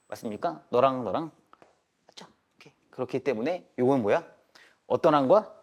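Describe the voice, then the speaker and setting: Male math teacher in a classroom, voice a bit on the high side, keeps quizzing the kids and asking "got it?". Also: a little mellow. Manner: quizzing students with quick rhetorical questions; mixes polite and casual speech, drills with "알겠습니까?". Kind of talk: live classroom lecture.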